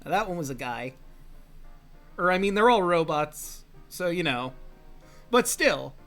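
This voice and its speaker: A man with a fairly high voice runs a tabletop game, calling out rolls and moving the enemies in a relaxed, chatty way. Soft music plays faintly behind him. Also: unhurried. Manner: easygoing, laughs often, narrates dice rolls. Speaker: game master. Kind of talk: running a tabletop game over voice chat.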